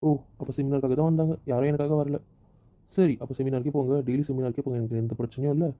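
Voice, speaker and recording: A hurt husband in a home-made couple skit, acted by a man rattles off his complaints at a very fast pace in a dark, mellow voice. He is stubborn and sulky and keeps repeating himself, and later pleads for his wife to stay. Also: medium pitch, steady tone, natural voice. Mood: sulking. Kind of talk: scripted family skit.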